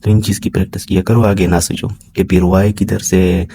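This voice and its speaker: Low, flat, very dark-voiced male teacher. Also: husky. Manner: reads English text slowly, then explains in Hindi. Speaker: shorthand teacher. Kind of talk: casual explaining lesson.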